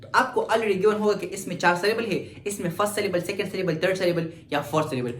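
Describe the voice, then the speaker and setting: A man from Pakistan, teaching an English grammar lesson and slowly stretching and repeating words to show syllable stress. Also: sits high, a bit bright, a little hiss or hum. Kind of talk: grammar lecture mixing Urdu and English. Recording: echoey room.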